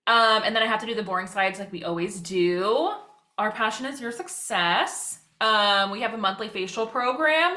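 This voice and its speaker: A woman talking very fast as she presents an informal social media webinar, chatty and given to self-deprecating asides. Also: medium pitch, sharp tone. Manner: very fast, rapid-fire talking. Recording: roomy, echoing sound.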